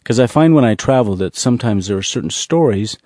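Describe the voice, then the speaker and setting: Male ministry speaker, earnest storyteller, mellow voice, dry close recording. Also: medium pitch, expressive, no echo. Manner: earnest, repetitive storytelling with slow emphasis. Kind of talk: storytelling testimony.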